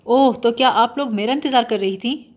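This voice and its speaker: A woman's voice: a little high, close to an everyday voice. A woman reading the part of a bumbling, mock-serious young man who blusters and lectures pompously.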